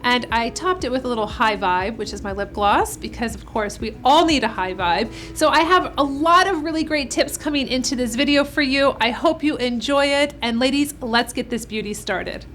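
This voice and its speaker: Soft background music accompanies this beauty vlog, where a woman makeup artist cheers her viewers on in an upbeat, encouraging way. She speaks at normal speed with few pauses, in a high-pitched, fairly bright voice.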